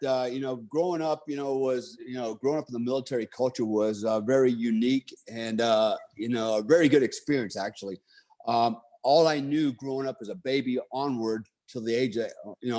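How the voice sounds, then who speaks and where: A man's voice: medium pitch, darkish tone. Rambling man in his fifties telling stories. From Germany. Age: 50s. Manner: rambling, with many fillers and rhetorical asides. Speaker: motivational speaker. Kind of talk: personal storytelling monologue.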